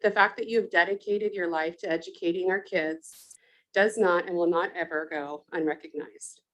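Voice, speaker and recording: A woman's voice: on the low side, steady tone, moderate pace, a bit bright, muffled recording. A woman board director giving a heartfelt, earnest address to teachers and staff at a public meeting.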